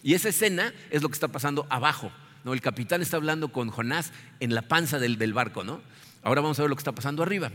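A man preaching a sermon, lively and conversational, often checking in with his listeners. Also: a little high, fast talker. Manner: animated, asks "¿no?" after most sentences. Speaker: pastor. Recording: long hall reverb.

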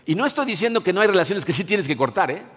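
A middle-aged man preaches a sermon in an earnest, conversational way, often restarting his sentences. His voice sits a little high for a man. It rings out with the long reverb of a large church hall. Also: sing-song, very fast, a bit bright. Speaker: pastor.

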